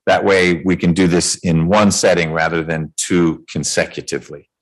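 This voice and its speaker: A man presiding as judge, calmly explaining the procedure of a plea hearing to defendants. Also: low voice. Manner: measured, explanatory.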